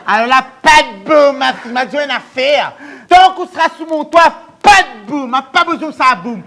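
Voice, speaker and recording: A man playing a loud, scolding middle-aged mother with a Réunionese accent in a comedy sketch. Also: very high-pitched, moderate pace, heavily acted. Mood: bossy. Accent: Réunionese French. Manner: shouting, scolding, sing-song rhymes.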